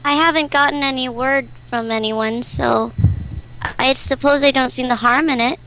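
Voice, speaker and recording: Brief: high, bright female player, animated and giggly in casual role-play. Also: moderate pace, a little hiss or hum, poor audio. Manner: giggly, speaks of her character in third person.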